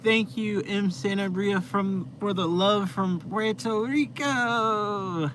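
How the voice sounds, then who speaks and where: Speaking slowly in a high-sitting, fairly bright voice, a young man runs a laid-back live stream from inside his van. His chat with viewers rambles and is packed with fillers, and the recording carries loud vehicle noise.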